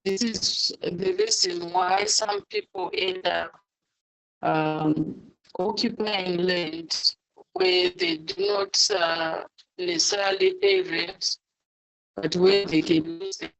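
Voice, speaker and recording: A woman speaks slowly through a glitchy, breaking-up video call. Her voice is gravelly, and it cuts out and fades on the patchy line. She talks hesitantly, with many filler sounds. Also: mid-range voice, wildly swooping pitch, rough recording. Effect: glitchy breaking-up video call connection. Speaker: panelist on an online discussion. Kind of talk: answering a question in a video meeting. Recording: patchy call audio, voice cutting out and fading.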